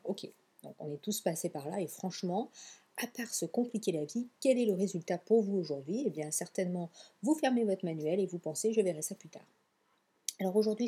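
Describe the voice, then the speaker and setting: Mellow, husky teacher woman. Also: on the low side. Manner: chatty, encouraging, mixes English phrases into French. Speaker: English pronunciation teacher. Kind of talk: online language lesson.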